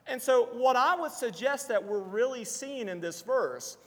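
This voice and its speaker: A man preaching a sermon to a congregation, explaining scripture in a measured teaching manner and slowing down for quotations. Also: very high-pitched, expressive, a bit bright. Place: church assembly hall. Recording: long reverb of a church hall.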